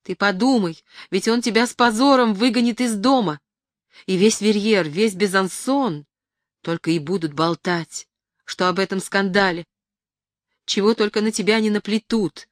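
A woman's voice: mid-range voice, normal speed, dry recording, studio quality, natural voice. A woman reading aloud voices a young man, a tormented secret lover who pleads with feeling. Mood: anguished pleading. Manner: pleading, emotional.

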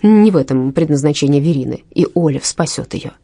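A woman reading a novel aloud as narrator, with expressive, lively intonation. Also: low-pitched, brisk, breathy edge, no echo. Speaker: audiobook narrator. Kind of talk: scripted literary narration.

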